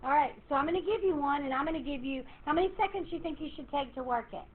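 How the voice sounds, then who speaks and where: A woman math teacher, lecturing her class in a lively, encouraging way and quizzing students. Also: sits high, quick pace. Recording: tinny phone-like classroom recording, faint hiss.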